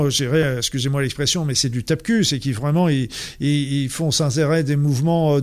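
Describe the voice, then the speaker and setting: A man with a Norman French accent, a health practitioner explaining his views to an audience, halting often with fillers and repeated words. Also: a little high, a little mellow.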